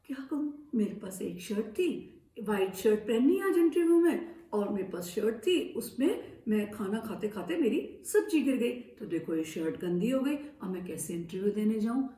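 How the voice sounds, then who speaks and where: A woman's voice: medium pitch, lively intonation, normal speed, mellow, roomy sound, distant mic, lightly acted. A woman voicing an anxious young man who complains and pleads in a children's story. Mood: glum.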